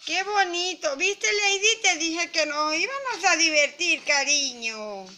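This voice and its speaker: A woman's voice: extremely high pitch, animated, unhurried, bright, forceful tone, slight background noise. A woman with a Latin American Spanish accent, hosting a toy channel and playing mother to a crying baby doll in a sweet, coaxing voice.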